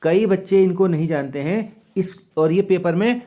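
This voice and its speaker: Guy teaching kids grammar, slightly high voice, soft mellow tone, asks a question then answers it, keeps checking they got it. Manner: patient, slow, explains step by step. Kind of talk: classroom grammar lesson for children.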